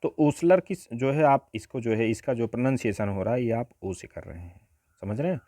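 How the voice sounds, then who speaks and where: A man teaches an exam-prep grammar lesson at a mid pitch. He works through each point step by step, often pausing on rhetorical questions. The voice sounds dry and close, with little room sound. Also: dark tone, no echo.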